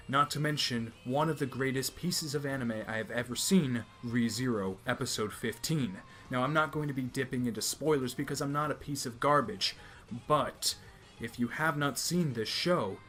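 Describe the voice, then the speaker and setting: A young American man hosts an anime review video, his mid-range, slightly bright voice moving expressively at normal speed. His enthusiastic commentary is emphatic and opinionated, and he often repeats his points.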